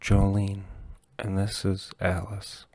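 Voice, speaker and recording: A man voicing a hoarse, frightened young mother. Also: deep voice, monotone, slow, warm tone, dry recording, exaggerated voice. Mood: fearful.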